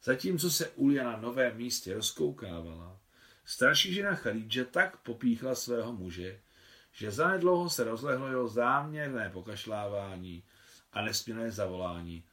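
A man calmly narrating a novel in a measured audiobook reading, as the translator of the text. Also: medium pitch.

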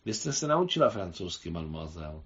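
A man's voice: low-pitched, sing-song, highs cut off, voice pushed down. Man reading as a gushing French governess. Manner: gushing, exclamatory. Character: effusive older French governess woman.

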